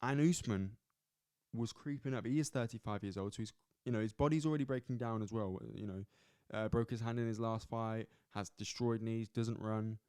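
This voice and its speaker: A man hosting a solo sports podcast, reviewing fights in a loose, animated way, swearing and repeating himself as he goes. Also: lowish voice, moderate pace, clean tone, no echo, clean studio sound. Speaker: podcast host. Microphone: camera at close angle.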